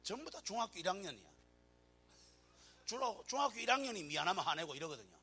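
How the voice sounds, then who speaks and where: A man's voice: sits high, fast, breathy edge. A man with a Gyeongsang accent preaching a sermon as pastor, joking and acting out little scenes as he goes. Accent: Gyeongsang Korean. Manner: animated, joking preacher who acts out scenes.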